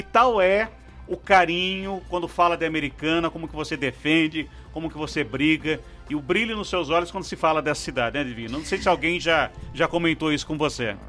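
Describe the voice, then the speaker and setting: Hosting a live news interview from a radio studio, a Brazilian man talks a little fast in a voice that's on the high side and a bit bright. His Brazilian Portuguese delivery follows a formal announcer cadence of long, flowing sentences, with faint music behind him.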